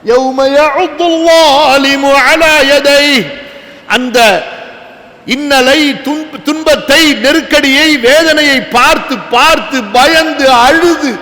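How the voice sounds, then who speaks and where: A man preaching a sermon in a high, bright, forceful voice. He chants verses slowly and turns to his listeners as brothers. The sound rings around a hall with a long, roomy reverb. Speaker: Islamic preacher. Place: college hall.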